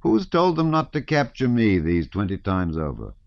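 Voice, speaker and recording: A man voicing a cold, ironic, daring army officer who talks briskly, in a dull lo-fi audiobook recording. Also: lowish voice, huge pitch swings, dry recording, voice pushed up.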